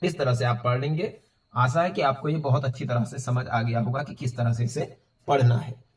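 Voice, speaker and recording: A man teaching how to recite Sanskrit verses, explaining hard words and chanting them slowly, syllable by syllable, at a whiteboard. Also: medium pitch, steady tone, recorded from a distance. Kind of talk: step-by-step recitation lesson.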